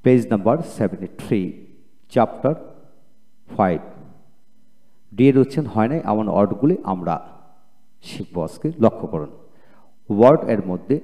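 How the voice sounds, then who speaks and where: Guy teaching english pronunciation, lowish mellow voice, drawn-out repeats, echoey hall. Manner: slow, drawn-out repetition of each word. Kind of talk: pronunciation lesson, spelling and repeating words.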